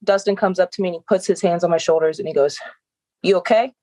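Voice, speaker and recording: A woman's voice: lowish voice, steady tone, very fast, warm tone, no room sound, low-quality recording. A young adult woman, a professional wrestler, talking earnestly and reflectively in an interview, often breaking into laughs. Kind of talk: casual interview talk.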